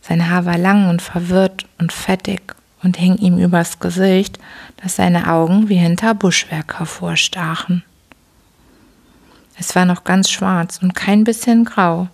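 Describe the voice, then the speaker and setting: A woman hosting a sleep podcast, reading a bedtime story aloud in a soft, slow, whispery voice. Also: lowish voice, fairly even intonation, vocal fry.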